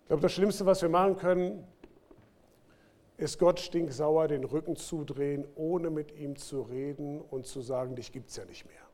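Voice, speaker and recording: Male pastor, slightly high voice, animated sermon delivery with big swings in volume. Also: unhurried. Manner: lively preaching with sudden loud bursts and quiet drops. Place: church.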